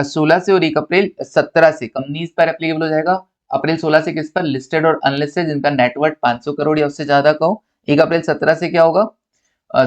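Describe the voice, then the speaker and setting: Playful, teasing male lecturer. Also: on the high side. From India. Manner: playful, teasing; asks and answers his own questions. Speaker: accountancy lecturer. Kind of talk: recorded classroom lecture.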